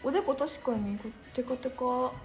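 A woman's voice: sits high, normal speed, roomy sound, faint music behind. A young woman hosting a phone live stream, chatting casually with viewers, reading out their comments and laughing often. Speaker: Instagram live host.

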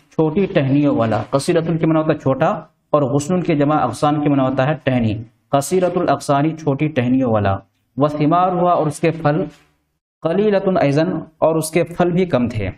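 Man teaching a translation lesson slowly. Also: a little high, a little mellow. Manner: reads a phrase, then glosses it word by word. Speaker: Arabic teacher.

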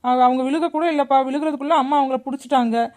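A woman's voice: sits high, steady tone, fast talker, a little mellow, lightly acted. Woman doing an earnest young schoolgirl. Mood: explaining. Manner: earnest, explaining.

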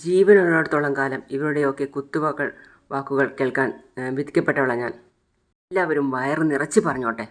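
A woman's voice: extremely low pitch, brisk. A woman voicing a bitter young woman who resents the jibes of her family, speaking in a self-pitying way. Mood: resentful.

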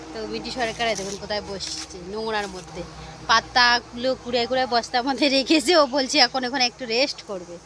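A woman with a slightly hoarse voice, chatting casually to viewers as a vlogging mother and narrating what she is doing. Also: a little high, noisy background.

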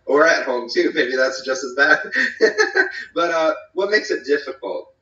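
A man from North Carolina leads a casual church small group over a video call, talking in a friendly, rambling way full of fillers and restarts. His voice is bright but sounds echoey and distant. The audio is dull, like a laptop call. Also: on the high side, lively intonation, unhurried. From eastern North Carolina.

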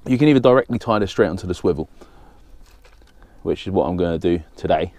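Deep-voiced man explaining a fishing rig. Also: animated, quick pace, darkish tone, no echo. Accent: southern English. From England. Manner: plain, practical, talks while working with his hands. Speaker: fishing channel host. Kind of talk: step-by-step tutorial. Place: small indoor studio with banner backdrop.

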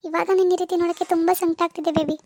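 Give me a woman playing an anxious cartoon mother who pleads and soothes, high and quick. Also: little pitch movement, darkish tone, a little hiss or hum. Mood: pleading. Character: wealthy worried mother, middle-aged woman. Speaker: mother consoling her daughter. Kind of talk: cartoon voice acting.

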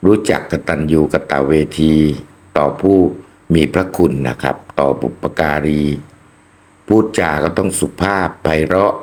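Retired man in his sixties, deep low voice, unhurried moralizing talk to viewers. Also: darkish tone. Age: 60s. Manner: slow, preachy, addresses listeners as friends. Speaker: channel host. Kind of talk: reflective monologue to viewers.

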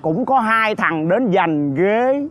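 A woman's voice: mid-range voice, lively intonation, slow, highs cut off. A woman playing a cranky, scheming old man in a comedy sketch, blustering and making sly threats over a park bench. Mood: gruff boastful.

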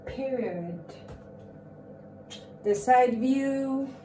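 A woman's voice: high voice, extremely slow, dark tone. A young woman with a Nigerian English accent, chatting casually and rambling a bit to her vlog camera at home. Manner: chatty and rambling, self-mocking. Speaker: vlogger. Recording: roomy, distant sound with faint noise.

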